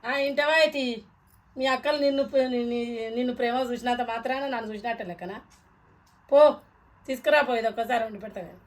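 Telangana woman, village sketch wife, fast sharp retorts. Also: fairly high pitch, poor audio. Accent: Telangana Telugu. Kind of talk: scripted village comedy sketch.

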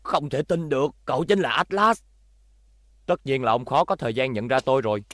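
A man's voice: medium pitch, a little fast, no echo, studio quality, natural voice. A man voicing Atlas, a cool curt robot. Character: young male super-robot, proud and blunt. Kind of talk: Vietnamese TV cartoon dubbing. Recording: dub with loud score underneath.

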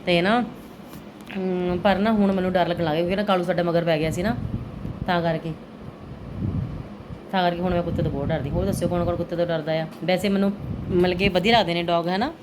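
A woman's voice: lowish voice, steady tone, quick pace, pauses often. A middle-aged woman with a Punjabi accent chatting casually to her viewers about daily life, often putting questions to them. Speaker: vlogger mother. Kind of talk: casual daily-routine vlog chat to viewers. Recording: clearly noisy everyday vlog recording.

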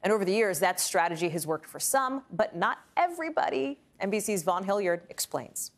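A woman anchoring a live news show, presenting stories in a brisk, conversational and chatty way. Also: medium pitch, lively intonation.

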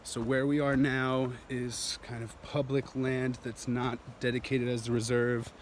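A man in his thirties, hiking down a steep jungle trail, narrates a vlog into a phone camera held at arm's length. He rambles enthusiastically and laughs frequently, using a mid-range, level voice at a measured pace, with a little hiss or hum present.

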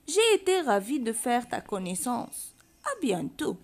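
A woman voicing a sly, hungry male wolf in a storybook, who talks in a soft, sugary, drawn-out way. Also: a little high, very animated. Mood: sweetly sly.

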